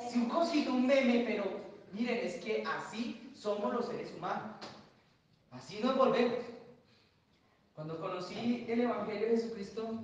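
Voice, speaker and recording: A man, preaching a lively sermon full of acted voices and asides. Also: high-pitched, slight background noise. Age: late 30s. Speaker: pastor. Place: large church hall. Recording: echoey church from far off.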